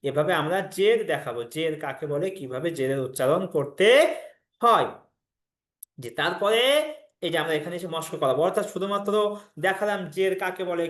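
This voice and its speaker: A man with a somewhat high voice explains a reading course patiently, one step at a time. He breaks into chanting rhythms as he drills each letter sound. The recording has an echoey, roomy sound. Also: a bit bright. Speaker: teacher.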